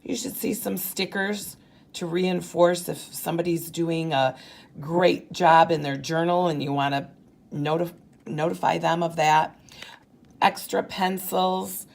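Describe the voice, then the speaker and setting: A woman teacher with a low, gravelly voice talks parents through the plan in a slow, measured way. She sounds middle-aged and speaks carefully, pausing between phrases like someone giving clear instructions. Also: fairly even intonation, darkish tone. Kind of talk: recorded briefing for parent volunteers.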